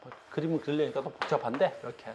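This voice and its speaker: A man's voice: a little high, fairly even intonation, racing, background noise. A man teaching an online physics lecture in casual speech, often telling students to look and asking whether they understand. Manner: repeats "봐" and "알겠니?" checks to students; casual speech, explaining with drawings.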